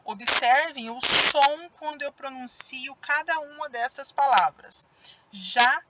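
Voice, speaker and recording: A woman teacher with a Brazilian Portuguese accent gives a recorded grammar lesson for children, drawing out stressed syllables as she demonstrates words. Her high voice keeps a measured pace against a noisy background.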